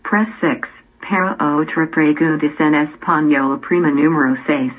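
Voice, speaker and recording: A woman reading recorded phone menu options in a measured way. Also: sits low, steady tone. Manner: measured, spells out letters. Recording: tinny phone line.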